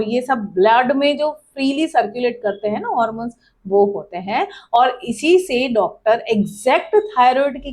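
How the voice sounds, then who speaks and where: A woman's voice: fairly high pitch, darkish tone. A middle-aged woman with an Indian accent, a dietitian explaining health topics in a patient, reassuring teaching tone.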